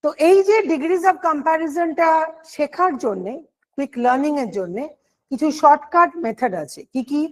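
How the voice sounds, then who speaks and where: A woman's voice: sits high, normal speed. A woman teaching an online grammar lesson for exam prep, explaining step by step and answering her own questions.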